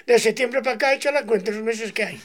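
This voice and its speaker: A man's voice: very high voice, quick pace, a bit bright. A man in his nineties with an Asturian accent, a bagpiper telling long, meandering stories from his life to an interviewer. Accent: Asturian Spanish. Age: 90s. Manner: meandering, folksy, acts out voices in his stories. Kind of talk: rambling oral-history storytelling.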